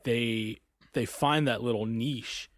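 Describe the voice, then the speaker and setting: A man's voice: medium pitch, steady tone, slow pace, no echo. A man co-hosting a podcast in casual chat, rambling and circling back as he talks, recorded on a close mic. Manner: rambling, trails off and restarts. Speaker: podcast co-host.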